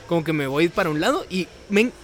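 A young man with a Guatemalan Spanish accent tells a story in a casual chat. His voice sits high and swings widely, and he acts out the people he quotes with frequent laughs. His delivery is lively throughout. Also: a little fast.

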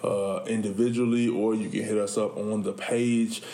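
Fairly low and mellow, his voice barely moves in pitch while he talks at a normal speed. A school coach co-hosting a laid-back podcast, he spins lively stories with plenty of laughter and repeated words, and the room sounds echoey.

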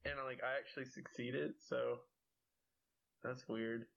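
Brief: hesitant male player, mid pitch, a bit muffled lo-fi audio. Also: level tone, measured pace, gravelly, a bit bright. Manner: rambling, hesitant, many fillers. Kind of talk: casual chat while playing a tabletop game.

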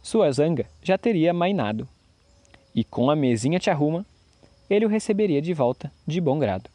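A man's voice: fairly high pitch, animated, normal speed, warm tone, no room sound. A man narrating a fairy tale expressively, doing voices for the figures.

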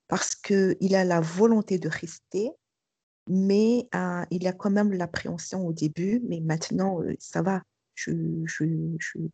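A woman's voice: lowish voice, warm tone, breathy edge, no room sound. A middle-aged woman, a school director, giving a hesitant personal testimony full of fillers and restarts. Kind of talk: testimony interview.

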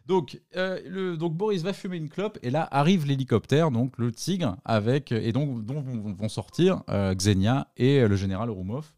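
A man's voice: medium pitch, moderate pace, hardly any pauses, darkish tone, no room sound. A man casually retelling a film's plot on a podcast, with many fillers and restarts. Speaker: podcast co-host. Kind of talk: casual film discussion.

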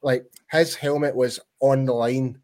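A man co-hosting a casual sports fan podcast, talking in an animated, rambling way and laughing easily. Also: medium pitch, unhurried. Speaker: podcast co-host.

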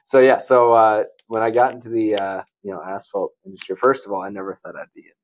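A man from Wisconsin spins a loose, easygoing story as a podcast guest. His voice sits somewhat low, and his speech is full of "you know" and "like." The sound is close and dry, with no room around it. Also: fast talker, dry recording, poor audio. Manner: relaxed, chatty, laughs often, many fillers like "you know" and "like". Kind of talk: casual conversational storytelling.

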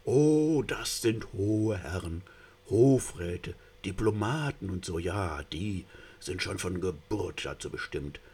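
A man's voice: deep voice, animated, slow, a little mellow, slightly rough, heavily acted. A man voicing a sly sea creature that mocks with feigned reverence in a storybook reading. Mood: mocking.

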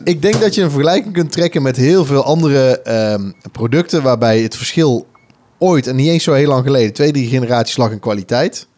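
A man's voice: mid-range voice, fairly quick, darkish tone. A man co-hosting a podcast, thinking aloud in casual chat with frequent hesitations. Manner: musing, many fillers and restarts. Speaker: podcast co-host. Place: office studio.

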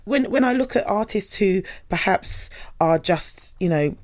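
Lively chatty woman. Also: medium pitch, a little slow. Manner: animated, laughing, chatty with frequent asides. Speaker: guest singer. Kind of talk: casual podcast chat.

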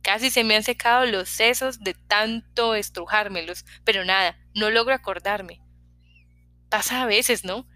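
A woman's voice: medium pitch, a little slow, no echo. A woman voicing a talkative, curious young hairdresser who keeps asking questions. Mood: chatty. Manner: talkative, prying, lively questions.

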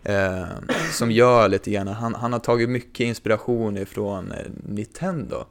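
Man, DJ, low voice, gravelly fry, casual rambling chat. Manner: relaxed, rambling, many fillers.

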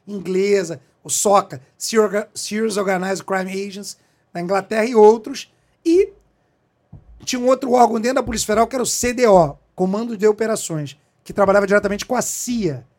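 A man's voice: high-pitched, fairly quick, darkish tone. A middle-aged man from Brazil, a police chief, telling a story as an interview guest in a profane, emphatic way. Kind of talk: animated storytelling in a podcast interview.

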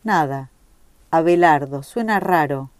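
A woman reading as a quiet, teasing young woman. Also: low voice, animated, measured pace, dry recording. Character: young woman, playful then guarded. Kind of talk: reading a short story aloud.

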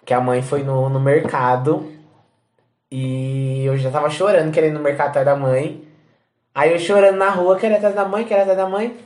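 A Brazilian man telling childhood stories in a casual chat, expressive and playful with the voices he quotes. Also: fairly high pitch, fairly quick. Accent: Brazilian Portuguese. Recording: roomy echo.

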